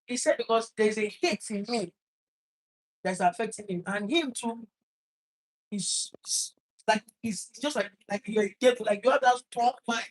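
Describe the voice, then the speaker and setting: Earnest Nigerian man with a fairly high voice. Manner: earnest, halting, repeats and restarts words; holding back tears. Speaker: vlogger telling a personal story. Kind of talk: emotional personal storytelling.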